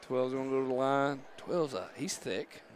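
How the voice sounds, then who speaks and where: A man calling a local high school basketball game in a rambling, chatty way with many restarts. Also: normal speed. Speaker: play-by-play commentator. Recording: noisy gym ambience.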